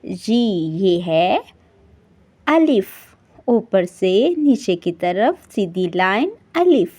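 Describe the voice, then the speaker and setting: Woman teacher, unhurried, drawing out each letter sound for small kids. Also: mid-range voice, very animated, a little mellow. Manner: slow, drawn-out sounding of letters and words. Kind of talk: children's lesson narration.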